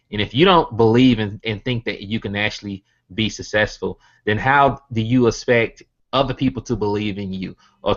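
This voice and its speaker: Speaking in a lowish, slightly bright voice, a man from Birmingham, Alabama, with a Southern accent gives a motivational business presentation online, heaping up rhetorical questions and hammering his key points repeatedly. He's on a video hangout using a computer mic, and the sound is lo-fi.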